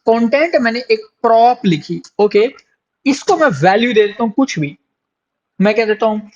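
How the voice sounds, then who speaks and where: A man's voice: very high-pitched, animated, normal speed. Man explaining code in a muffled tutorial. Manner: explanatory, repeats points, frequent "theek hai" check-ins and hesitations. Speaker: programming instructor. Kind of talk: screen-recorded coding tutorial.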